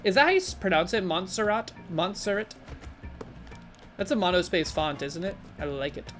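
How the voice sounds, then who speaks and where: A woman live-streaming, chatting casually with her viewers in a rambling, animated way full of fillers. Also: quick pace, soft background music. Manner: animated, with sudden jumps in pitch. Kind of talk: casual live-stream chat while gaming and reading chat.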